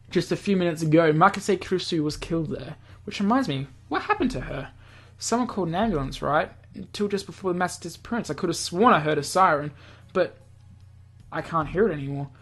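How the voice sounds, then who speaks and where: A woman with a low, husky voice narrates a visual novel in a casual, amateur way, now and then tripping over words and going back to re-read them. Game music plays in the background.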